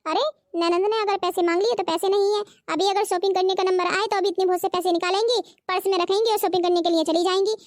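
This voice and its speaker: A woman's voice: very high-pitched, fairly even intonation, fast talker, hardly any pauses, no room sound, studio quality. A woman voicing a sulky, demanding young college girl in a cartoon. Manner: whiny, sulky. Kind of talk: cartoon voice acting.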